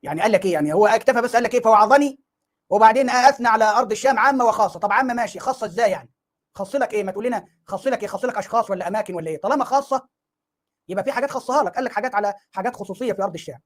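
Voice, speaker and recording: A man's voice: sits high, racing. A man with an Egyptian Arabic accent giving mocking online commentary, full of sarcasm and rhetorical questions.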